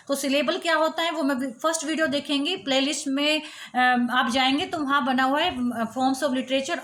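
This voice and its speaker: A woman teaching literary terms, who asks questions and answers them herself, and reads English lines out slowly, word by word. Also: high voice, fairly bright tone. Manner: explains step by step, asks and answers her own questions.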